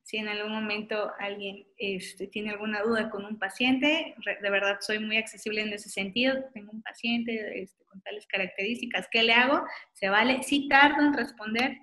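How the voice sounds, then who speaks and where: A woman giving an online talk over a computer mic. Her voice is bright and forward, at an ordinary middle pitch. She is relaxed and chatty and fills pauses with small hesitations. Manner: informal and friendly, many fillers like "este". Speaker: optometrist giving a webinar talk. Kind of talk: webinar lecture with audience questions.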